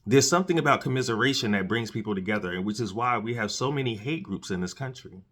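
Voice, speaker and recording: A man with a lowish voice delivers a solo commentary in a casual but preachy way. He presses his points by repeating phrases and often stops to restart a sentence. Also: expressive, fast talker, a bit bright, slightly rough. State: dry mouth, has candy in his mouth. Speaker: podcast host.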